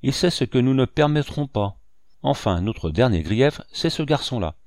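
A man's voice: medium pitch, animated, moderate pace, a little mellow, no room sound, studio quality, voice pushed up, close to an everyday voice. A man voicing a defiant male pirate in an audiobook, insistent and accusing. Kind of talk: audiobook reading.

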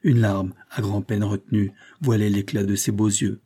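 A man narrating a classic novel as an audiobook, in a measured, dramatic reading. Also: on the low side, little pitch movement, mellow, slightly rough. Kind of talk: scripted narration.

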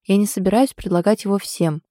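A woman's voice: mid-range voice, a little fast, dry recording, clean studio sound, lightly acted. A woman reading the lines of a stubborn, ironic young wife in an audiobook. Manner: ironic, sulky, sharp.

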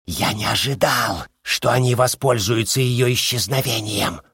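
A man voicing a scornful, defensive male vampire with a hoarse voice in an audiobook. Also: medium pitch, fairly bright tone, dry recording, full character voice. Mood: sullen. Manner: defensive, sneering, drawn-out delivery.

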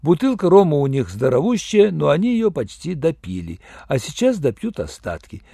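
A man voicing a booming, gleeful tipsy older scientist who talks loud and snorts with delight, read for an audiobook. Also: very animated, normal speed, creaky, husky, dry recording, clean studio sound, full character voice.

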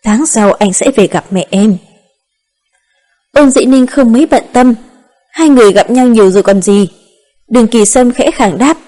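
A woman narrating a romance novel in a calm, steady reading voice. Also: on the high side. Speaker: audiobook narrator.

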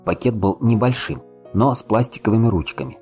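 A man narrating an audiobook in a calm, unhurried reading. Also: fairly low pitch, soft background music. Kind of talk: scripted narration.

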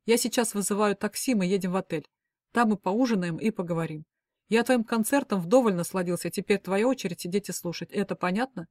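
A woman's voice: medium pitch, fairly quick, a little mellow, no room sound, lightly acted. Audiobook: woman reading bossy protective young man, harsh orders, dry sound. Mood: commanding. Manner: commanding, harsh.

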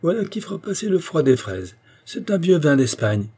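Guy playing a cheerful teasing ladies' man, warm and low, a bit husky. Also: fairly quick, lightly acted. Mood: jovial. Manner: hearty, teasing. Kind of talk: audiobook character reading.

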